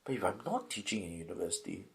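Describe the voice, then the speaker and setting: Middle-aged Singaporean lecturer, gravelly and relaxed, interview answers with lots of restarts. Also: male voice, sits low, fast. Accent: Singaporean English. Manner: thoughtful, many restarts and rhetorical "right?".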